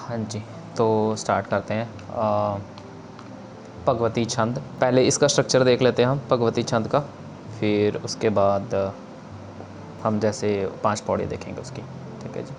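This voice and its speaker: A man teaching the structure of Sikh scripture verses in a casual, explanatory way, pausing on fillers and mixing in English terms. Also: lowish voice, fairly even intonation, noisy background.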